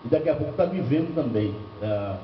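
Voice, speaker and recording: A man's voice: medium pitch, animated, a little fast, a little hiss or hum. An older man from Bahia, a pastor preaching at a church seminar, telling stories with rhetorical questions and humor. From Bahia, northeastern Brazil. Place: church hall. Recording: echoey lo-fi church recording from far off.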